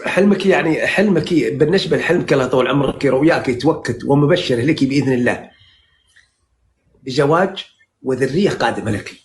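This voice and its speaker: A man in his sixties from central Saudi Arabia with a Najdi accent, interpreting dreams in a rambling, flattering live chat full of fillers and restarts. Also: mid-range voice, fairly quick, slight background noise. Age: 60s. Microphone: phone on a live stream.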